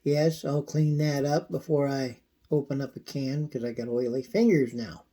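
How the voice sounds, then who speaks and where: A man giving a casual, folksy how-to demonstration, his voice thin and squeaky from a coming cold. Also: steady tone, mellow. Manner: folksy, unhurried, frequent throat clearing. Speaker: video host demonstrating pocket knife care.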